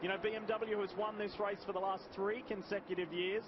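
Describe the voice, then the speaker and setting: Male motorsport commentator, lead race caller with a high voice, muffled broadcast sound over loud track noise. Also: flat delivery, fairly quick. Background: loud race cars and trackside ambience.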